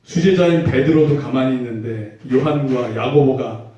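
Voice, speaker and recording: A male pastor preaching a sermon in a relaxed, conversational way, asking rhetorical questions. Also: mid-range voice, moderate pace, lo-fi sound. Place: church sanctuary. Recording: echoey hall, mic far off.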